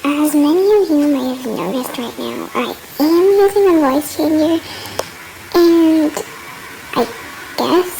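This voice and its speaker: A woman's voice: high-pitched, slow pace, creaky, dark tone, slight background noise, rough recording. A woman speaking through a voice changer as she gives a casual, rambling tutorial with lots of "like" and "and then". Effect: voice changer disguising the real voice. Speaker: tutorial maker. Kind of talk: casual step-by-step screen tutorial.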